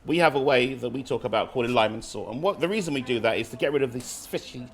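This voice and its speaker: Man, mid-pitched voice, informal cooking demonstration, explanatory street-food cook. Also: fast. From Barbados.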